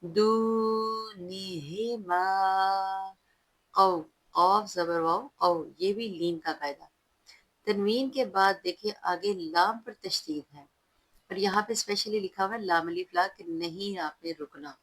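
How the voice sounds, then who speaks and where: A woman teaching recitation, who alternates drawn-out chanted recitation with calm, patient spoken explanation. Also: on the low side, low-quality recording. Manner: patient, instructive tone. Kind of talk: slow, careful recitation lesson.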